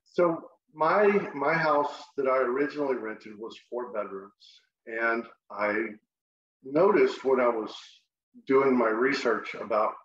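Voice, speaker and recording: Heard in an echoey room on lo-fi audio, a middle-aged Texan with a mid-range, slightly bright voice talks as a guest in an easygoing interview. He runs short-term rentals, comes across as friendly, and halts often with repeated restarts.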